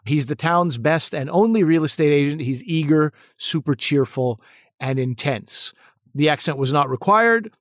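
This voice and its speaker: A man's voice: fairly high pitch, expressive, moderate pace, no echo, studio quality. A male actor and comedian answering interview questions thoughtfully, often restarting and repeating words.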